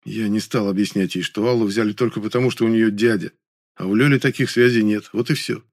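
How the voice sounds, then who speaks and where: A man's voice: on the low side, brisk. A man narrating a first-person audiobook in a dry, wry storytelling manner.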